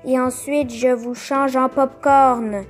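A woman voicing a huge, smoke-snorting dragon who growls and shouts, reading a storybook aloud. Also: high voice, flat delivery, takes it slowly, faint music behind. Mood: shouting. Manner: growling, shouting, bursts of laughter.

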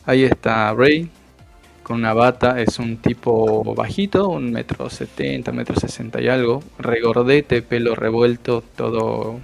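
Gravelly Argentine game master. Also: male voice, mid-range voice, animated, measured pace, music in the background. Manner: vivid, slangy storytelling. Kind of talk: narrating a tabletop game.

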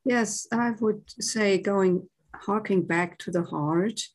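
A woman with a German accent, a podcast guest speaking in a slow, soothing, meditative way. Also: medium pitch, poor audio. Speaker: guest, tantra teacher. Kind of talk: podcast interview.

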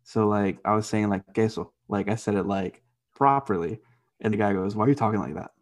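A man's voice: fairly low pitch, brisk. A young man co-hosting a podcast, telling rambling stories in casual chat, swearing a lot and laughing often. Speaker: podcast co-host.

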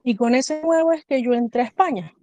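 A woman calls in with questions. She speaks in a measured, hesitant way with fillers. Her voice is warm and slightly high, and the recording is dry. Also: no room sound. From Venezuela. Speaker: caller. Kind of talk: asking questions on a call-in.

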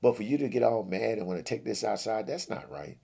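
A man with a very low voice, full of gravelly fry and a husky texture. He speaks calmly in a pleading, preacher-like cadence as he gives advice to churchgoers. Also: quick pace. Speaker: comedy sketch host giving church advice. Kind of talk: comedic sketch, then preachy advice.

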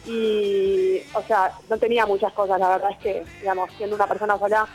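A woman's voice: mid-range voice, a little fast, faint music behind. A woman in her twenties with a Rioplatense accent, calling into a radio show and chatting casually. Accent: Rioplatense Spanish. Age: 20s. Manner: chatty, relaxed. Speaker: caller. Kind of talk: casual phone chat.

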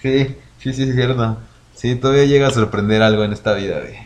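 A man's voice: mid-range voice, fast. A young man with a Mexican Spanish accent, co-hosting a podcast in a crude, joking casual chat. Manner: crude joking, laughs a lot. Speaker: podcast co-host.

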